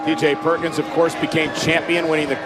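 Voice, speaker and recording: A man calling live wrestling play-by-play with excitable, exclamatory calls. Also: a little high, fairly quick. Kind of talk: live sports commentary. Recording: loud arena crowd noise behind. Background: roaring arena crowd.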